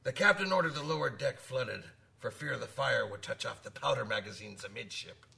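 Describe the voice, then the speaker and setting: An actor playing a gruff, hearty old sailor who savors short phrases as he spins dramatic tales of the sea. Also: medium pitch, fairly quick, sharp tone, distant mic. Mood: grave storytelling. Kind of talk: dramatic audio storytelling.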